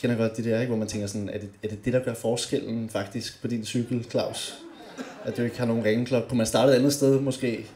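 A young man doing stand-up comedy on a club stage, animated and often shouting his punchlines. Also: medium pitch, crowd noise. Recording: roomy club with faint noise.

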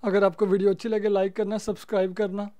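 A man's voice: sits high, little pitch movement, fast talker, dark tone. A man giving comic, playful commentary while playing a game, bantering with the characters on screen. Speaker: gaming YouTuber.

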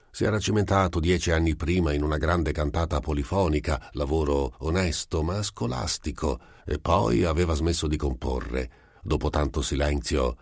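A man reading a short story aloud as an amateur audiobook narrator, in a steady, measured way. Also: extremely low pitch, dry recording, studio quality. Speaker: audiobook reader.

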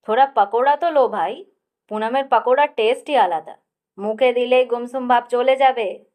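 Booming hearty middle-aged man, as a woman reads him, mixing Hindi into his talk, storybook. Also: normal speed, close to an everyday voice. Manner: booming, mixes Hindi and English into Bengali. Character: jovial loud middle-aged man, Hindi-speaking host.

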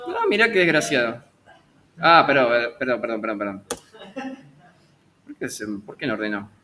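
A man's voice: medium pitch, big pitch swings, moderate pace, bright, forceful tone. A man teaching a live online programming class, chatty and correcting himself with small jokes at his own slips.

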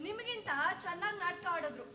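A woman's voice: very high voice, animated, a little fast, sharp tone, full character voice. A woman acting the spirit of a dead young wife in a stage drama, speaking in a bitter, cutting, reproachful way. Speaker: stage actor. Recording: echoey stage sound.

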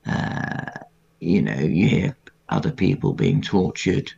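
A man's voice: low voice, lively intonation, slow pace, gravelly, a little mellow, breathy edge. A middle-aged man, a former aircrew guest, recounting his experiences in a blunt, matter-of-fact way and swearing freely. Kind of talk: candid interview recollection. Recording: slightly dull lo-fi audio.

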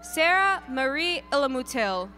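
A woman reading graduates' names at an outdoor graduation ceremony, announcing each one deliberately. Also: sits high, big pitch swings, pushed and bright, a little hiss or hum. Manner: deliberate, lilting name announcing. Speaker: graduation name reader. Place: outdoor stadium ceremony over PA.

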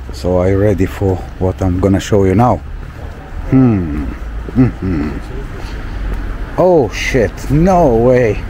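A young man from Romania walks through a town outdoors, narrating his travel vlog to viewers into a handheld camera mic. His voice is low and dark-toned, his speech slow, full of exclamations and loose fillers. A faint hiss of noise sits under him. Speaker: travel vlogger. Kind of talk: casual walking vlog.

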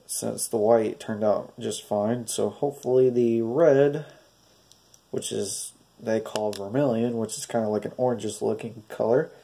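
Nasal, gravelly man explaining a craft. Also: mid-range voice, mellow. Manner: hesitant, hopeful, talks through each step. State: stuffy, congested. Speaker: craft tutorial host. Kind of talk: casual DIY painting tutorial.

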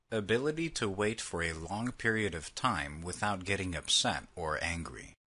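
A man reading vocabulary words and example sentences slowly, with a husky voice. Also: low-pitched, bright, forceful tone. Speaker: vocabulary lesson reader. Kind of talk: slow read example sentences.

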